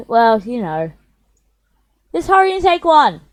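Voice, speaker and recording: A woman voicing a sassy, prickly teenage schoolgirl who talks loud and bratty. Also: sits high, big pitch swings, extremely slow, no room sound, exaggerated voice, rough recording. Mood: huffy.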